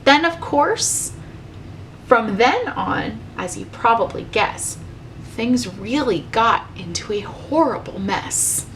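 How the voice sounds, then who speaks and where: A woman with a fairly high voice reads a children's storybook aloud. She takes the rhymes slowly and rhythmically, like a teacher, and there is noise in the recording. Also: very animated, fairly bright tone, rough recording.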